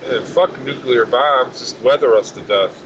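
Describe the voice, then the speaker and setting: A man's voice: medium pitch, unhurried. A man joking offhand with the host over a call from his car, swearing casually. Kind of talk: casual chat. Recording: dull lo-fi call with car and air-con noise.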